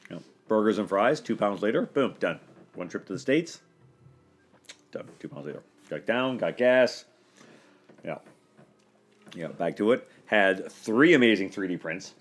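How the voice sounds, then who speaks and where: Deep-voiced joking man. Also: expressive, a little slow, long pauses. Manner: joking, laughs often. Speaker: podcast host. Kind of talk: casual chat.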